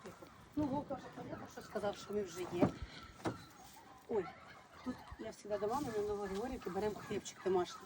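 A woman's voice: medium pitch, quick pace, long pauses, very noisy. A woman touring her home village for her vlog, chatty and affectionate, calling her viewers fondly. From Ukraine. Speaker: vlogger. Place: outdoors in a village.

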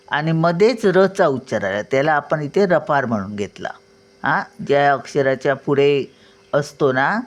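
A woman's voice: low-pitched, muffled recording. An older woman teaching at home, spelling out letters one by one and checking often that the learner follows. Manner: patient, spells out letters and sounds words slowly. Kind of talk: home writing lesson.

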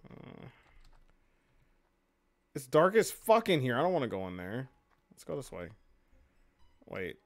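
A man hosting a let's play, reacting loudly, laughing and swearing as he comments on the game. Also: medium pitch, huge pitch swings, unhurried, pauses often.

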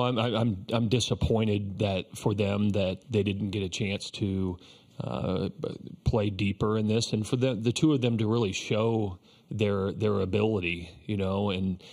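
At a postgame press conference indoors, a head baseball coach in his fifties answers questions into a table microphone. He's measured and reflective with frequent restarts, his voice fairly low, fairly even, and a little mellow.

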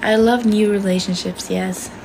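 A woman's voice: mid-range voice, fairly even intonation, normal speed, gravelly, noisy background. A young woman from Sweden with a Swedish accent, chatting casually on a phone livestream in a small bedroom, answering viewer comments and swearing freely. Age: young adult. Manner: chatty, swears casually, switches between languages. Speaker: livestream host. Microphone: phone held close.

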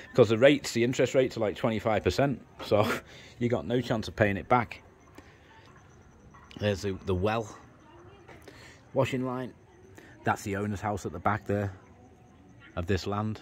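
Bloke rambling through a house tour on his phone, lowish voice, bit of ambient noise behind. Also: darkish tone. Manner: chatty, rambling, explains as he films. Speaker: travel vlogger giving a house tour. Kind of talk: casual walking house tour. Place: outdoors on a house terrace and indoors in small rooms. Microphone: handheld phone camera.

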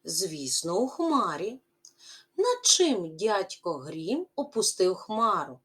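A woman teacher giving a reading lesson to primary school children, expressive and drawing out stressed syllables. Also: medium pitch, takes it slowly, slightly rough.

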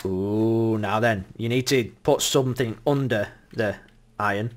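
A man with a lowish, unhurried voice chats casually while playing a multiplayer game with friends, commenting on the gameplay. He teases them and laughs often.

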